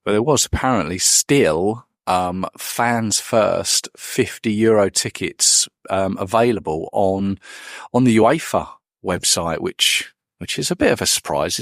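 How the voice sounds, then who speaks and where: A podcast host, a man with a fairly low voice and some vocal fry, rambles through on-the-spot match-day commentary from the stands of an outdoor football stadium. He fills it with ums and restarts. The recording is dry and sounds clean, like a studio.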